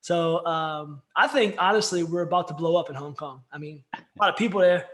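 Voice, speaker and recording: A brisk co-host with a voice on the high side and a fairly bright tone chats over beers on a podcast. The talk is rambling and full of jokes and self-interruptions. The recording sounds echoey and roomy.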